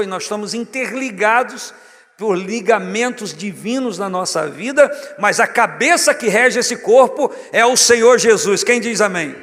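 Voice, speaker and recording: A man's voice: sits high, a bit bright, in a large hall. A Brazilian man preaching as pastor, jovial and teasing as he calls church members up to the front. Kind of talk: sermon. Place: large church hall, music underneath.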